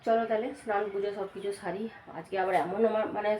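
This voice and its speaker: A woman, hoarse and stuffy from a cold, chatting through a daily home vlog. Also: steady tone, fast talker, a little mellow. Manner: chatty, talks to her dog in a high coaxing voice. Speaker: vlogger. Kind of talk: casual daily vlog narration. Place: home, indoors. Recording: echoey room with faint ambient noise.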